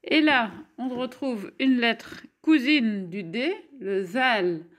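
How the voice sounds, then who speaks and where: A woman teaching a beginners' class on writing letters, speaking in a slow, patient way and spelling out each sound. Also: a little high. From France. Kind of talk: Arabic alphabet lesson.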